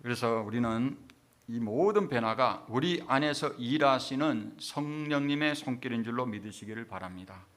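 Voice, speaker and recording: A man preaching a sermon as pastor. He talks conversationally, asks his congregation rhetorical questions, and swings from quiet asides to loud, emphatic peaks. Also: medium pitch, normal speed.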